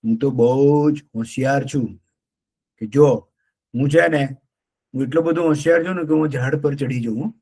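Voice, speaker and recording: A man's voice: mid-range voice, moderate pace, mellow, lightly acted. A man voicing a foolish, boastful male donkey who brays and whines in a children's story. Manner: braying, whiny and boastful.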